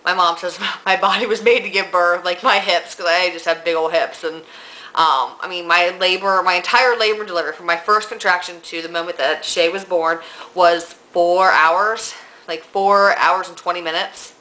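A woman's voice: lowish voice, fairly even intonation, moderate pace, sharp tone, low-quality recording. A young pregnant woman chatting casually in a vlog, with a stuffy nose and short of breath, rambling with many ums and likes. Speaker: vlogger.

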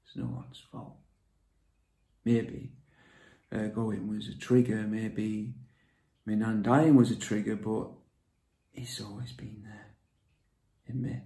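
An actor playing a withdrawn man raised by his grandmother, talking in a halting, confiding way that often drops to a whisper. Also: on the low side, little pitch movement, warm tone. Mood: confessional. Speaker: actor performing a monologue. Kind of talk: dramatic monologue. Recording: echoey room.

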